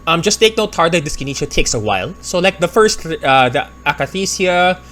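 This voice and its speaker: A man's voice: fairly high pitch, animated, fairly quick, fairly bright tone, a little hiss or hum. Man explaining and thinking aloud. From Philippines. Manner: thinks aloud, hedges and corrects himself. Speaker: pharmacist reacting to a video. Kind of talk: casual explanatory commentary.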